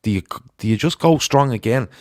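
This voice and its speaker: A man's voice: mid-range voice, expressive, brisk, a little mellow, dry recording, studio quality. A man with a Dublin accent hosting a casual football panel chat, talking in a rambling, conversational way. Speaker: football show host.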